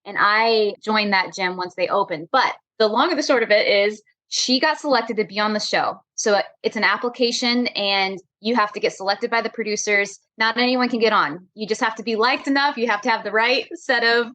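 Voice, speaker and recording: A woman's voice: on the high side, a little fast, bright, forceful tone, no room sound. A young woman guest on an interview podcast, telling stories in an upbeat, eager way with easy laughs. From Florida, USA. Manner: upbeat, eager storyteller who laughs easily. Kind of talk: casual interview chat.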